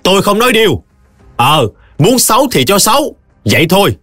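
Man voicing a shrill, quarrelsome old woman. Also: very animated, moderate pace, no echo, faint music behind, full character voice. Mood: shrill defiant. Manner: shouting, scornful.

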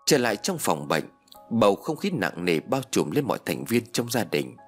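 A man reads a sorrowful story aloud with a low, husky voice. His pitch swings widely as he dramatizes each moment, and soft music plays behind him. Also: normal speed. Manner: expressive, emotional reading. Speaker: narrator. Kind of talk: storytelling narration. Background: faint music.

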